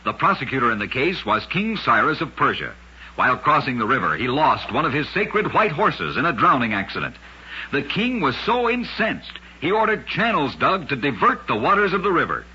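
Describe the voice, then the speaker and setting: A radio show host and storyteller narrates scripted old-time radio trivia stories in a dramatic, emphatic manner. His mid-range voice is husky and sharp, with big pitch swings at normal speed, on a dull, lo-fi old radio recording.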